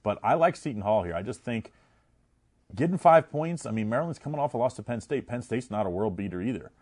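A man's voice: medium pitch, lively intonation, fast, a little mellow. A man analyzing a game and giving his betting pick in loose, self-correcting talk. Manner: conversational, hedging, self-correcting. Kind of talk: casual sports betting talk.

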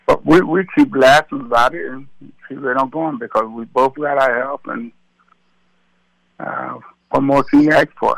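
A man in his seventies, a retired boxer, talking slowly and easily in an interview, often repeating words. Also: medium pitch, steady tone, creaky, fairly bright tone, no room sound, poor audio. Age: 70s. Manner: slow, easygoing, repeats words. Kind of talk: casual phone interview.

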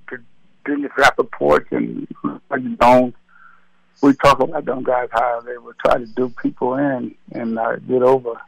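A man in his seventies, a retired boxer, talking slowly and easily in an interview, often repeating words. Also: mid-range voice, gravelly, pushed and bright, no room sound, rough recording. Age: 70s. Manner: slow, easygoing, repeats words. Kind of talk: casual phone interview.

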